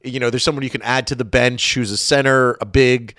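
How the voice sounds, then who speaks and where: A man's voice: mid-range voice, steady tone, brisk, fairly bright tone, dry recording, studio quality. A man co-hosting a sports podcast, talking things through casually with fillers and restarts. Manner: conversational, thinking aloud with fillers. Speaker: podcast co-host.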